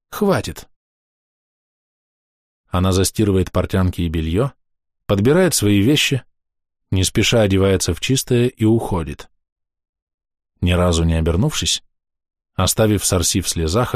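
A man narrating an audiobook in a measured, expressive way. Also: low-pitched, dry recording, studio quality.

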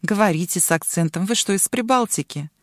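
A woman's voice: medium pitch, expressive, a little fast, dry recording, clean studio sound, close to an everyday voice. A woman voicing a brash, bossy girl turned into a dragon, mocking and domineering.

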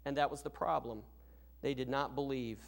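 A man's voice: mid-range voice, fairly even intonation, normal speed, creaky. A man preaching a sermon as pastor in a church, emphatic and asking rhetorical questions.

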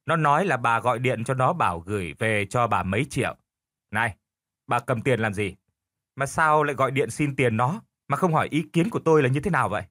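A man's voice: medium pitch, expressive, fairly quick, a bit bright, no room sound, clean studio sound, close to an everyday voice. A man voicing a lazy, stubborn old village husband who argues back smugly. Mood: stubborn bickering. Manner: stubborn, quarrelsome.

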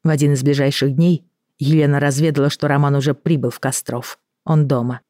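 Man with a dry, steady audiobook narration. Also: mid-range voice, fairly quick, dry recording. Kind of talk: scripted narration.

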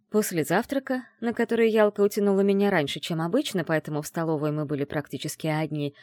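A woman narrating a first-person fantasy audiobook in an expressive storytelling manner. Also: on the low side, no room sound, clean studio sound.

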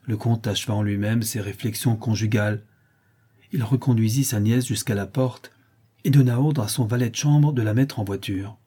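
An audiobook narrator with a lowish, slightly breathy voice reads a classic novel aloud. His scripted literary narration is measured and even in its storytelling.

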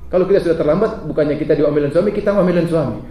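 Fast-talking preacher in an echoey hall. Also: male voice, on the high side, slight background noise. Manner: lively, humorous, asks the audience questions. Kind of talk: sermon. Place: lecture hall with audience. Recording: echoey hall, mic at a distance.

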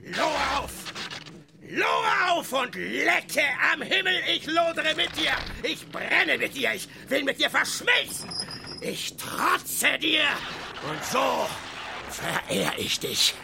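Defiant old sea captain for radio drama: gravelly, drawn-out, storm noise under the voice. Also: male voice, very high-pitched, very animated, full character voice. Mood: fervent defiant. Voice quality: gravelly, declaiming, fervent.

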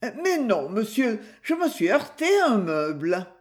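A reader voicing a flustered older widow who pleads in a higher, quavering voice. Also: very animated, a little slow. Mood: pleading.

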